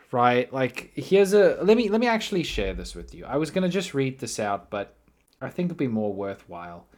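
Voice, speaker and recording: A man giving casual, sarcastic vlog commentary, chatty and fond of tagging "right?" onto his points. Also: medium pitch.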